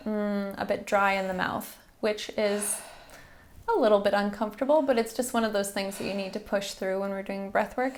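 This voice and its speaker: A woman instructor softly guiding a breathing exercise in a soothing, encouraging manner, with background noise in the recording. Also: mid-range voice. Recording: faint-to-clear background noise and ambience.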